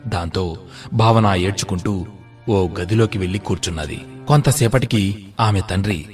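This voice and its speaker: Low-voiced male storyteller. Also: faint music behind. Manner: measured, moralizing storytelling. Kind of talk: scripted story narration.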